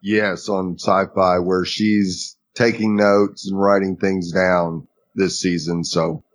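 A man's voice: low-pitched, flat delivery, slow. A man co-hosting a podcast, recapping a TV episode in easygoing casual chat and laughing along often. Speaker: podcast co-host.

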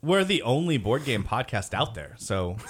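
A man's voice: mid-range voice, very animated, normal speed, a bit bright, breathy edge. A man co-hosting a casual podcast, with giggly, playful banter. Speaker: podcast co-host. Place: radio station studio.

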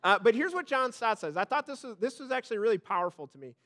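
A male pastor preaching a sermon, swinging between loud bursts and hushed low lines, calling out to the congregation and tossing in playful asides. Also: sing-song, fast. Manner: calls out to the congregation for response.

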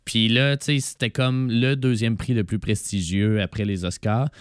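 Hoarse, raspy low-voiced Quebec man. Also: steady tone, normal speed, dry recording, studio quality. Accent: Quebec French. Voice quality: raspy smoker's voice. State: hoarse from lingering laryngitis. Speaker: radio show co-host. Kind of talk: casual chat about cinema.

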